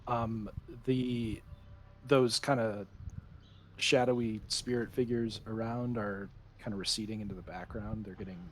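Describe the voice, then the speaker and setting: A man running a tabletop horror game as game master, narrating in a hushed, halting way with many fillers. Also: fairly low pitch, steady tone, slight background noise.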